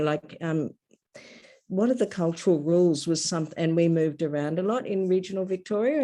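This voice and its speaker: A woman speaks slowly and reflectively over a laptop mic, pausing often on fillers. Her tone is mellow and dark. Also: low-pitched. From Australia. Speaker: workshop participant. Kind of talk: casual discussion on a video call. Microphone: laptop webcam on a video call.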